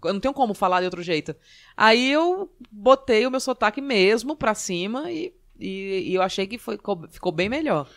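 A woman from Northeast Brazil speaks with her Northeastern accent. She chats casually as a podcast guest, telling comic stories in an animated way and acting out the voices of the people in them. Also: mid-range voice, moderate pace. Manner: lively, animated storytelling with acted quotes. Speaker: stand-up comedian guest.

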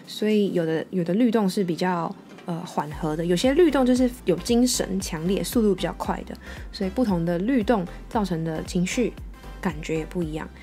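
A woman's voice: on the low side, a little mellow. Patient woman teaching music terms. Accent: Taiwanese Mandarin. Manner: patient, repeats English terms slowly. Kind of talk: explanatory lesson.

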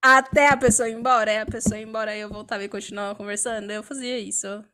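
A young adult woman co-hosting a podcast, chatting casually in an animated, self-assured way with frequent laughter. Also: medium pitch, fast. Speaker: podcast co-host.

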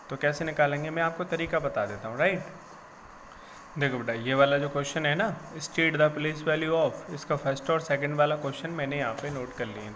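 A man's voice: a little high, a bit bright, a little hiss or hum. Patient male teacher explaining math steps. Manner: patient, repeats "simple" and "theek hai". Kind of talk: recorded math lesson for children.

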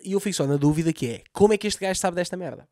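Fast, sarcastic Lisbon man roasting a show. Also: high voice, warm tone, a little hiss or hum. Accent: Lisbon Portuguese. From Portugal. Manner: sarcastic, swears a lot, mocks the scenes. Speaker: comedian recapping a TV series. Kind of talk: comedic recap commentary.

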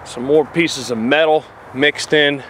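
A little high and steady in tone, the man speaks at a measured pace over a noisy background. This outdoor explorer vlogger with a New Jersey accent walks the woods, telling his handheld camera about his finds in a casual, plain style with fillers.

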